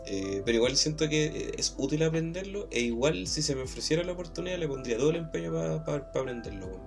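Man, Chilean accent, casual podcast chat, monotone, slangy, faint guitar music behind. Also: a little high, fast, vocal fry. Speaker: co-host.

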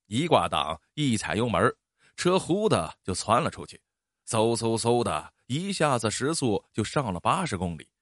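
A man narrating a story in an expressive, animated storytelling style. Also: mid-range voice, no room sound, studio quality.

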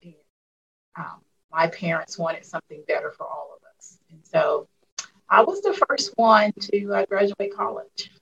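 Speaking unhurriedly in a mid-range voice with vocal fry and some roughness, a woman in her fifties looks back on her life as an Arkansas school superintendent. The call-based interview is casual, and she's a warm, reflective storyteller who uses many fillers. High frequencies are missing from the audio.

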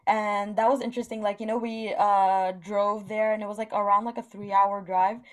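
A woman's voice: mid-range voice, flat delivery, moderate pace. A young woman co-hosting a casual chat, talking colloquially with lots of filler "like". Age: young adult. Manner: colloquial, giggly, heavy use of "like".

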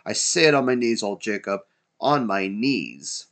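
Storybook role: giddy reformed old miser, male narrator acting, exclaiming and repeating himself, very animated pitch. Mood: fervent, grateful. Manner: breathless exclamations, rapid gleeful repetition.

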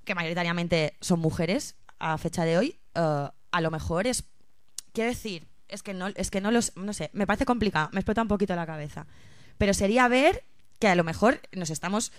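A woman's voice: on the low side, brisk, no echo. A woman co-hosting a casual podcast chat, thinking aloud with frequent restarts and hesitations. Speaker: podcast co-host.

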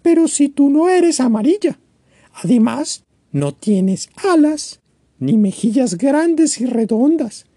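A man's voice: very high-pitched, big pitch swings, takes it slowly, mellow, slightly rough, dry recording, studio quality, pitched above the performer's own voice, exaggerated voice. A man reading a storybook aloud, voicing a tiny lonely little bird who pleads and sobs. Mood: eager. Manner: pleading, sobbing. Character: tiny lonely yellow bird chick, tearful.

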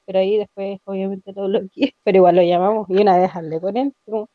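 A woman's voice: mid-range voice, steady tone, fast talker, no room sound, narrow, tinny audio. A young woman with a Chilean accent chatting casually as a podcast co-host, telling stories animatedly and acting out her own quotes. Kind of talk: casual chat.

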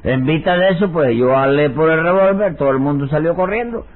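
A man's voice: on the high side, a little fast, natural voice. An actor playing a sly, wisecracking petty crook with a Cuban accent, drawling and tagging his lines with "chico", in a vintage radio comedy. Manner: drawling, tags sentences with "chico". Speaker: comic defendant in a mock courtroom. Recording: tinny lo-fi vintage radio recording.

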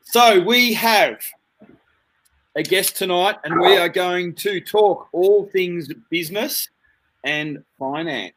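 Male podcast host, high voice, loose and chatty, stop-start delivery. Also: background noise. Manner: chatty, halting, laughs easily. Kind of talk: casual podcast chat.

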